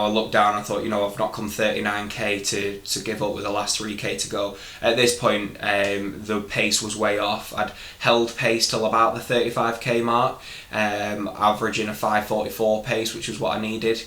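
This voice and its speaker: A man's voice: lowish voice, level tone, moderate pace, bright, forceful tone. A man with a Northern English accent recounting things casually to camera as a vlogger, candid and a little hesitant, in a roomy echoing recording. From northern England.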